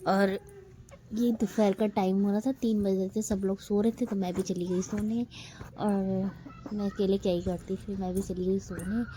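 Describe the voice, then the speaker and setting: A woman's voice: medium pitch, level tone, moderate pace, mellow, a little hiss or hum. A woman in her thirties, a mother, chatting casually to her viewers at home in a family vlog, fondly grumbling about her child. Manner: chatty, scolding-fond, addresses viewers directly.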